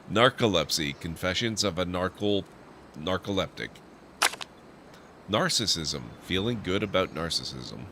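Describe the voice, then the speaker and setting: Very deep-voiced male game streamer. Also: expressive, unhurried, background noise. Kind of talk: playthrough commentary, reading game text aloud.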